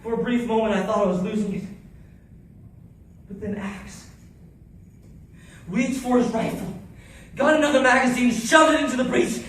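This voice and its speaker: A very high-pitched, somewhat bright male voice carries an intense, theatrical first-person war monologue. He voices an anguished soldier mourning comrades lost in battle, and the distant mic picks up an echoey room and faint noise.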